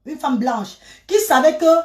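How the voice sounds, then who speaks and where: A woman's voice: high voice, animated, unhurried. Dramatic woman. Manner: dramatic, repetitive, swinging between loud and hushed. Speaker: storyteller. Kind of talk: emotional personal storytelling. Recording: roomy, from a distance.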